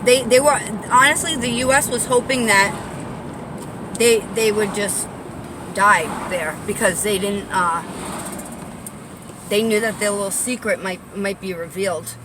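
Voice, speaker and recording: A woman with a lisp and whistling S sounds, rambling casually and insistently to viewers in a halting vlog monologue recorded on a handheld phone. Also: medium pitch, noisy background. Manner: insistent, halting, conspiratorial telling. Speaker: video maker addressing viewers.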